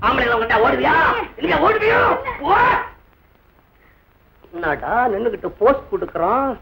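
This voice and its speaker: A blustering jealous husband. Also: male voice, extremely high pitch, wildly swooping pitch, gravelly, full character voice. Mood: mocking. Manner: mocking, shouting, quick switches of tone. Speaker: hot-tempered husband in a film comedy. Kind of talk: 1960s Tamil film acting. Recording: hissy old film soundtrack.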